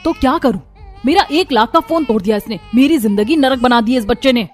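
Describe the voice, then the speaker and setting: एक महिला के अभिनय में ऊँचे सुर वाली, अकड़ भरी कार्टून बहू, जो दूसरों की सलाह झिड़क देती है। पीछे धीमा संगीत सुनाई देता है।. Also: female voice, on the high side, fairly quick, lightly acted. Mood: angry. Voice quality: sharp, dismissive. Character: arrogant young modern wife, careless mother. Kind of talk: Hindi cartoon voice acting. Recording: light music behind voice.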